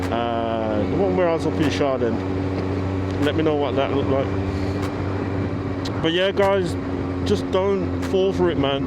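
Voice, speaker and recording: A man with a British accent giving casual motovlog advice to camera in an informal, slangy way, often checking that the listener follows. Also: mid-range voice. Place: outdoors on a motorbike.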